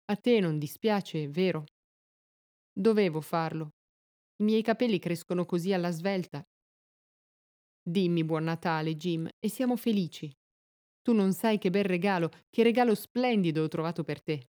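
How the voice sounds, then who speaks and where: A woman's voice: on the low side, moderate pace, dark tone, natural voice. A woman reading as an anxious young wife. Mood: pleading.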